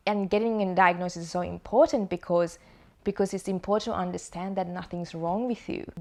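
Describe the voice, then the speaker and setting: A young woman from Sri Lanka gives a casual testimonial as an interviewee about her own lived experience. She rambles, with many fillers and restarts, in a fairly low voice with a darkish tone.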